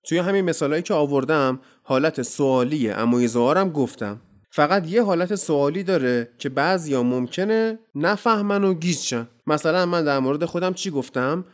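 In a casual podcast lesson, a man teaches English, explaining things in a friendly, chatty way. His voice is fairly high and animated, and he says each example sentence slowly and deliberately.

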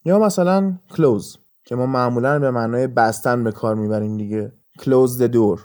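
Warm-voiced male podcast teacher. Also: medium pitch. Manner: patient, explains step by step with examples. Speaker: podcast host and English teacher. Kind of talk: explanatory podcast lesson.

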